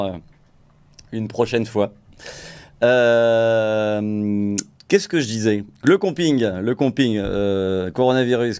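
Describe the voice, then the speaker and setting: A man's voice: mid-range voice, a little mellow. A man hosting a live stream, chatting casually about music production and his own impressions, rambling and self-mocking.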